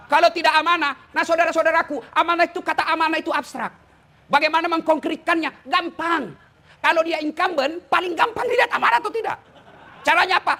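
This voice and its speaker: Male preacher, very high and bright voice, teasing and humorous; keeps addressing listeners as "Pak". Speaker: preacher and lecturer. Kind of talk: humorous sermon to officials.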